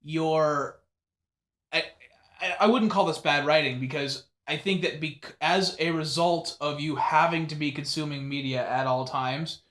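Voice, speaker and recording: A man co-hosting a podcast in casual chat, talking in halting bursts with many restarts and blunt swearing. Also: a little high, a bit bright. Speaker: podcast co-host. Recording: roomy echo.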